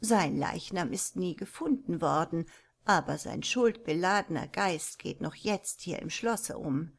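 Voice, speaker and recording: A woman voicing a hushed, mysterious old housekeeper. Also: on the low side, expressive, a little slow, vocal fry, slightly rough, full character voice. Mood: hushed, eerie. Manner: soft, hushed, old-fashioned.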